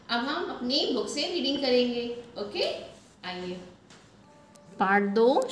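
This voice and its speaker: A young woman teacher who reads a story aloud to children, then explains it again and asks the class questions. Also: fairly high pitch. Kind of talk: storytelling lesson, reading a textbook to children.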